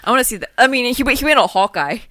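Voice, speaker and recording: A woman chats about films, jumping in often with questions and remarks. Her voice is fairly high and lively in pitch. The sound is dry and close. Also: very fast, dry recording. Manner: chatty, interjects often. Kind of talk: casual film chat.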